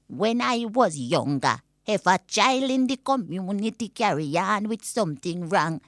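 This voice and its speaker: Elderly Jamaican granny, acted by a woman, indignant, grumbling, bright forceful voice, slow drawl, comic audio story. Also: a little high, no echo, studio quality, exaggerated voice. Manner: grumbling, drawn-out, exclamatory. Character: indignant elderly Jamaican granny, complaining about modern youth. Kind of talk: comic monologue in Patois.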